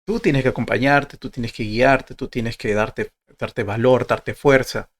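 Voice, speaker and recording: A man's voice: medium pitch, fairly even intonation, a little slow. A man giving a motivational talk to exam applicants, conversational, often tagging his points with questions. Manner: conversational, many tag questions and rhetorical questions. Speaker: motivational speaker for university applicants.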